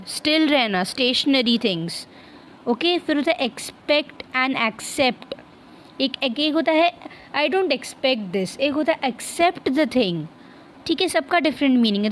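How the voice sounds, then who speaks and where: A woman teaching a vocabulary lesson, explaining in Hindi and slowing right down to read English example sentences, often checking in with her listeners. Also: high voice, slight background noise.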